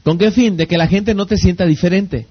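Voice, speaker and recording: Man, high-pitched leadership lecturer, rhetorical question after question, muffled lo-fi sound. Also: a little fast, slight background noise. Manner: keeps asking rhetorical check-in questions. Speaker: leadership speaker. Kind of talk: lecture to an audience.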